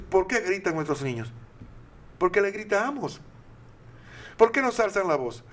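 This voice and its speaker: Older Dominican man, high voice, earnest advice-giver, teaching tone. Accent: Dominican Spanish. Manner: earnest and didactic, with rhetorical questions. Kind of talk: advice talk.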